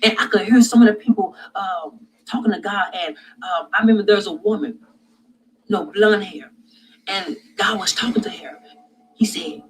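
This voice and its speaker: A man telling a vivid religious dream in a halting, repetitive way that grows loud and intense. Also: high voice, a little hiss or hum, rough recording. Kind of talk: personal dream testimony.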